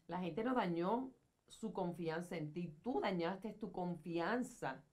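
A middle-aged woman with a fairly low voice talks earnestly on a studio talk show set. She counsels and explains at length, recorded close on a lapel mic. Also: lively intonation, takes it slowly, darkish tone. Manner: earnest, counseling, gestures widely while explaining. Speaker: social communicator guest. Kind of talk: advice talk show conversation.

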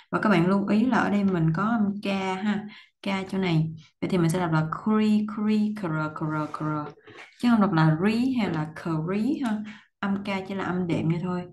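A woman teaching pronunciation, patiently explaining step by step and slowly repeating words to demonstrate them. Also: mid-range voice, a little mellow.

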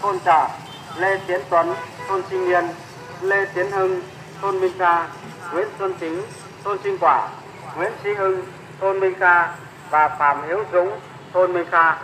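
A man reading an official announcement as a local radio announcer, formal and measured as he reads out names and places. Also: sits high, fairly even intonation, pushed and bright, echoey room, slight background noise, poor audio. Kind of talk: official public announcement read aloud.

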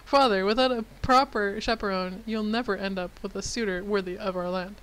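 A woman voicing a sarcastic teenage daughter in a dating game, speaking in a dry, deadpan, low-key way. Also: a little fast, close to an everyday voice.

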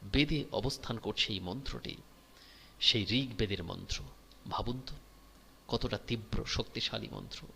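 A man giving devotional instruction, guiding listeners through worship and chanting mantras in slow, drawn-out tones. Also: on the low side, creaky, pushed and bright, a little hiss or hum. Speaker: religious teacher. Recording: long hall reverb.

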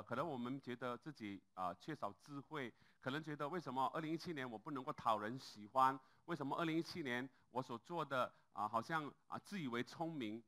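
Animated bright-voiced male pastor preaching. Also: mid-range voice. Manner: animated, with many filler sounds and rising exclamations. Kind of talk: sermon.

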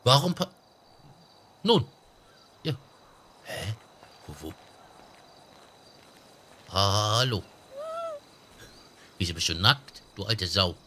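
A man's voice: on the low side, big pitch swings, extremely slow, long pauses, bright, forceful tone, a little hiss or hum. A man chatting in a game roleplay, joking and teasing bluntly. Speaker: streamer playing a roleplay character. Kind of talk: casual in-game roleplay chat.

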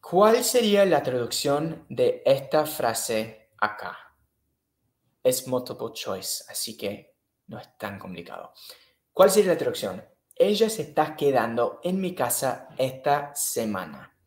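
A man's voice: medium pitch, big pitch swings, a little slow, darkish tone, echoey room. A man teaching English in a live online class, patiently repeating and checking in with the students. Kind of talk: live-streamed online lesson.

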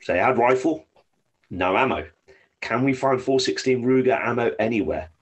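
A man's voice: mid-range voice, moderate pace, slightly rough. A man with an English accent, a podcast guest telling rambling stories and swearing freely. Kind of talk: casual storytelling.

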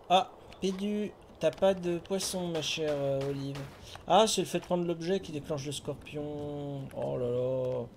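A man, his voice sitting a little high, chats away as he plays a video game live. He talks to himself and his viewers and now and then hums little tunes. Faint noise sits under his voice. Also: slow, a little mellow. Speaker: streamer playing a video game. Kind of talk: casual live game commentary.

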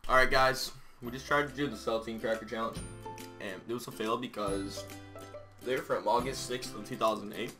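A man's voice: mid-range voice, fairly even intonation, moderate pace, bright, forceful tone, faint music behind. A young man hosting a video in a casual, chatty vlog style. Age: teens or young adult. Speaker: video host. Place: small bedroom indoors.

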